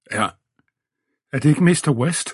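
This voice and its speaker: A man's voice: a little high, animated, a little mellow, slightly rough, pitched above the performer's own voice. A man voicing a pale young police constable who politely calls everyone sir, in an audiobook reading. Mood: calm helpful.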